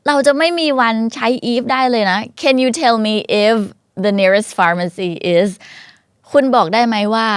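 Young woman, English teacher, casual lesson, slow careful examples, spells words out, dry close mic. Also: a little high, no echo. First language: Thai.

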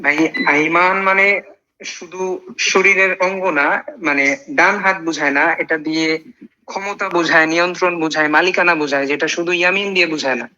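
A man takes part in a heated religious debate, briskly correcting others and repeating short phrases. His voice is bright and forceful, a little higher than most men's, coming through dull, lo-fi call audio. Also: fairly even intonation. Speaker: debater on a live online call.

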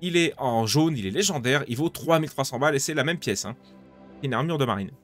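A man walks viewers through a game in a loose, chatty tutorial voice-over. His pitch swings around in an animated way, and he fills the gaps with asides. Quiet music plays faintly underneath. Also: quick pace. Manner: chatty and informal, with lots of fillers and asides. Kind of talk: casual screen-recorded game tutorial.

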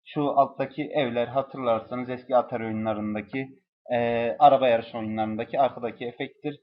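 A young man doing a profane, exasperated comedic review of a mobile game, cursing and yelling at it. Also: mid-range voice, steady tone, a little fast, dull audio.

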